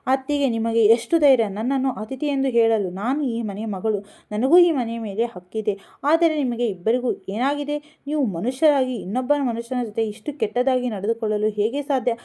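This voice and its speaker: A woman's voice: sits high, very animated, moderate pace, darkish tone. Woman voicing an upset indignant daughter. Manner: pleading, raising her voice. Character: grown daughter, distressed and indignant.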